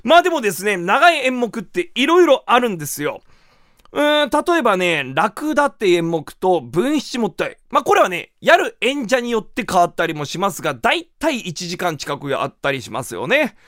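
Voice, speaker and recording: A man who is a rakugo performer hosting a radio show, telling comic stories in a lively way. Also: high voice, normal speed, dry recording, studio quality. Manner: lively, animated, acts out quotes. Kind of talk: comic storytelling talk.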